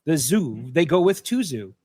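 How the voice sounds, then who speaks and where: A man with a slightly high voice for his sex recaps a film plot on a podcast, energetic and loose, peppered with profanity and ums. The sound is dry and close, with no room echo. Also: moderate pace, husky. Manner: animated, profane storytelling with fillers. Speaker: podcast co-host. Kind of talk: casual film-review retelling. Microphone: podcast mic.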